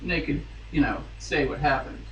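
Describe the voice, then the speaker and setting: A man with a slightly high, fairly bright voice reads a romance novel theatrically at a moderate pace. As the podcast's guest reader, he keeps dropping into amused asides. The mic is distant, leaving a roomy sound with faint noise.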